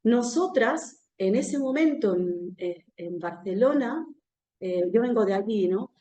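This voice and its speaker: A woman with an Argentine accent speaks at mid pitch at a talk in front of an audience. She keeps a conversational tone and often tags her phrases with a questioning "no?". The roomy echo of the hall surrounds her voice. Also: animated, unhurried, mellow. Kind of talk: live public talk. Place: room where a talk is held, with an audience.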